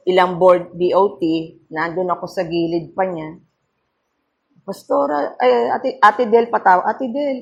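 A middle-aged woman pastor giving a devotional sermon, telling a personal story earnestly and checking in with her listeners as she goes. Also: mid-range voice. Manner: earnest storytelling, mixing English phrases, frequent "no?" tags. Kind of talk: devotional sermon at a prayer meeting.

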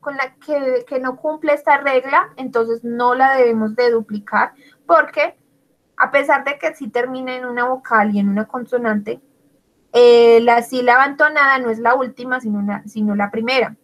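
A woman's voice: fairly high pitch, steady tone, moderate pace, a bit bright, rough recording. A woman teaching an English grammar class in Spanish, spelling out words letter by letter and praising her students by name. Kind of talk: online class explaining grammar.

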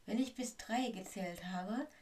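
A woman reading aloud and voicing a vain, showy male wizard teacher who announces loudly. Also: mid-range voice, a little slow, recorded from a distance, lightly acted. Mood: boastful.

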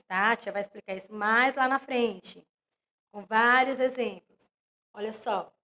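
A young woman teaching an online lesson to young children with a Brazilian accent, speaking slowly and clearly and stressing each example word. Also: on the high side. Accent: Brazilian Portuguese. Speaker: primary school teacher.

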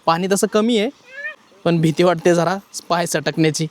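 A man's voice: a little high, normal speed, darkish tone, a little hiss or hum. A man, chatting cheerfully as he walks through his farm for a village vlog, laughing often. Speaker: vlogger. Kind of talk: casual village vlog narration. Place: outdoors on farm fields.

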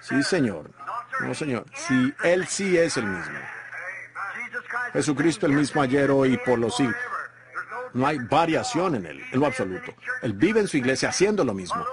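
A man's voice: mid-range voice, sing-song, normal speed, a crowd in the background. A man reading a sermon as a dubbed voice-over, with an emphatic preaching cadence and frequent asides to the listeners. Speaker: Spanish voice-over reader of a sermon.

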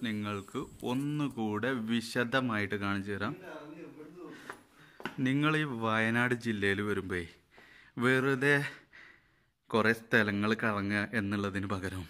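A man talks on location as he walks among forest caves. His voice is bright and forward. He guides viewers along the path and repeatedly tells them to take care. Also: lowish voice, takes it slowly, pauses often, clear, resonant tone, dry recording. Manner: cautioning, guiding while walking. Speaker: travel vlogger. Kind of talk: on-location vlog commentary. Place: outdoors in rocky forest caves.

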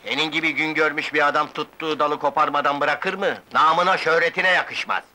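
A scheming, quarrelsome father, bright and sharp. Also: on the high side, steady tone, fairly quick. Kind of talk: 1960s film acting.

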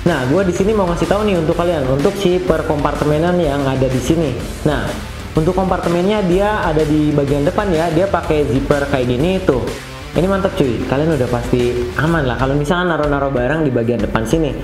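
A young man giving a casual, slangy, enthusiastic product review to camera on a lapel mic. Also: fairly quick. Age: young adult. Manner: chatty, slangy, enthusiastic pitch. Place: studio with plain blue backdrop. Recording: roomy studio echo with music bed. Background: background music.

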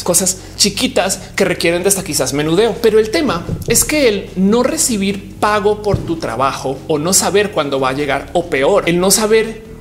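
A woman in her thirties talking to camera in an informal explainer vlog, chatty and animated, with slang fillers, recorded in a small home studio. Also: lowish voice, slight background noise. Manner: fast, animated, with lots of hand gestures. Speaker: vlogger. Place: indoor home studio with bookshelves.

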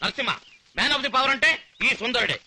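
An actor playing a vain, anxious young groom who pleads and whines comically in a dubbed film scene. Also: male voice, extremely high pitch, animated, moderate pace, very noisy.

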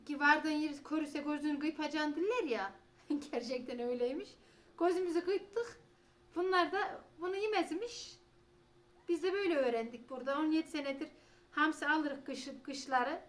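A woman's voice: high voice, moderate pace. A woman, chatting casually and rambling in a home vlog, sometimes talking to her cats. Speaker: vlogger.

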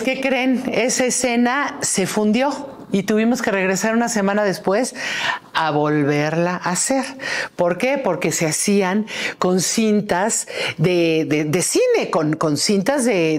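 A middle-aged Mexican woman hosting her own show, telling anecdotes in a chatty, playful way with many restarts and fillers. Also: mid-range voice. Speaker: host. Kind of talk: casual storytelling to her viewers.

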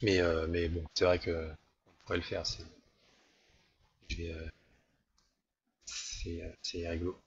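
A man's voice: low-pitched, monotone, a little slow, pauses often, dull audio, a little hiss or hum. A young adult man chatting casually as he live-streams a game.

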